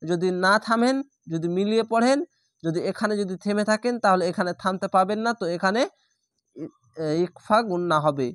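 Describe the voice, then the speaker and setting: A man teaching Quran reading step by step, patiently repeating each rule and slowly drawing out sample syllables. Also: sits high, no echo, studio quality.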